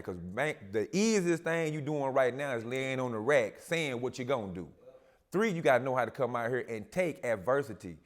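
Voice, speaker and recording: A man on a casual talk show as a guest, speaking in a calm, steady, reflective way with Southern slang. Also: medium pitch.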